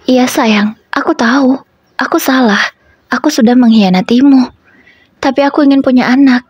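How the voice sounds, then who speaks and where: A woman's voice: high voice, normal speed, a little mellow, slightly rough, no room sound, lo-fi sound, pitched above the performer's own voice. A woman voicing a pleading, defensive unfaithful husband in a spoken story. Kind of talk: storytelling, acted dialogue.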